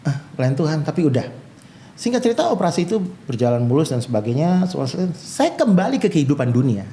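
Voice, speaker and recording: A man's voice: a little high, quick pace, slight background noise. A male pastor, telling his own life story in an interview and acting out the voices of people he quotes. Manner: animated storyteller who acts out quoted voices.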